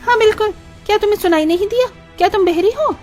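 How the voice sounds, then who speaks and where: A woman voicing a group of emotional young married daughters in an animated story, pleading and tearful by turns. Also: high voice, moderate pace, soft background music, pitched above the performer's own voice, close to an everyday voice. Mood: angry.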